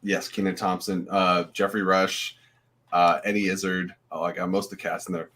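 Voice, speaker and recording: Deep voiced guy cohosting a podcast, laid back and rambly, lots of uhs. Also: normal speed. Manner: relaxed, rambling, many filler uhs. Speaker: co-host. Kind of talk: casual podcast chat.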